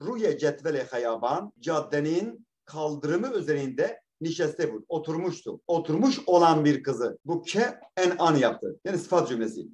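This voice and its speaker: A male teacher walks a class through a reading, one line at a time. He repeats each word, asks a question and then answers it himself, in a voice sitting a little higher than most men's. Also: expressive, a little slow, few pauses, darkish tone. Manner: explains patiently, repeats words, asks questions and answers them. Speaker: language teacher. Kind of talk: classroom lesson, reading and translating a text line by line.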